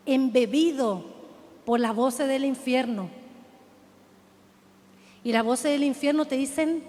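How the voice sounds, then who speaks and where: A woman's voice: sits high, in a large hall. A woman pastor with a Rioplatense Spanish accent, preaching in an impassioned, dramatic manner and speaking directly to her listeners. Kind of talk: sermon.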